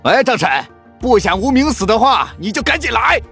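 A man voicing a vicious, sneering young male thug in an audio novel, with a husky, jeering voice. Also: lively intonation, a little fast, sharp tone, soft background music, exaggerated voice. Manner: shrill, jeering.

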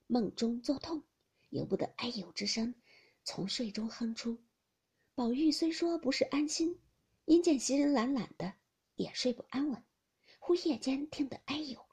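Woman narrator for a classic novel audiobook: very breathy, lively melody, slips into whispers. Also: fairly high pitch. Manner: expressive, with many whispered passages.

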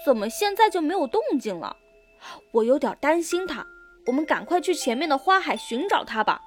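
A woman's voice: high-pitched, big pitch swings, brisk, soft background music. A woman voicing a brave, caring little hedgehog leader in a children's audio story, speaking earnestly and urgently.

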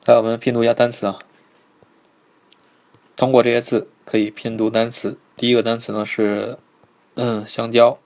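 A man teaching a live online pronunciation lesson, patiently repeating each sound slowly and checking in with his students. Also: medium pitch, little pitch movement. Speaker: Korean language teacher.

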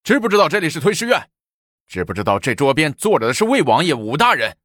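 A scheming court official from a spoken historical tale, his voice jumping shrill and frantic as he screams for his guards, as a man acts him out. The yelling is high and rushed. The voice sits close and dry. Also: very animated, no echo. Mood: alarmed, blustering.

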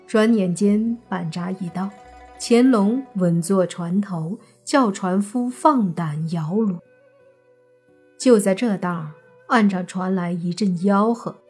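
Woman reading a history tale, slow and kinda breathy, soft music behind. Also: medium pitch. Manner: measured, expressive storytelling. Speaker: storyteller. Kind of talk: scripted historical story narration.

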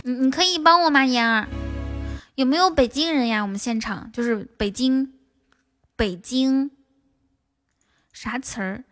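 A woman's voice: high-pitched, unhurried, long pauses. A woman hosting a casual livestream, chatting with viewers in a playful, coaxing way. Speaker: livestream host. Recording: music playing behind the voice.

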